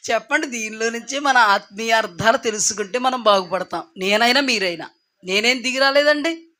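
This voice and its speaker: A woman preacher delivers a storytelling sermon in a bright, sharp-edged voice set a little high for a woman. She keeps it lively, firing rhetorical questions at the congregation and slipping into the characters' lines as she goes. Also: moderate pace. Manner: lively, acts out biblical characters in quoted voices.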